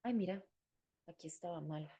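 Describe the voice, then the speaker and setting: A woman's voice: on the low side, normal speed, mellow, breathy edge, muffled recording. A woman teaching a grammar class, explaining step by step and repeating each example word. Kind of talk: recorded lecture.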